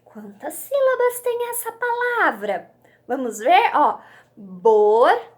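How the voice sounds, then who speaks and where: A woman teacher speaks to young children in a high, bright voice. Her pitch swoops up and down with lively emphasis, and she takes her time, drawing out each syllable so the little ones can follow. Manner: slow, animated, sounds out syllables for young pupils. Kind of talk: children's lesson.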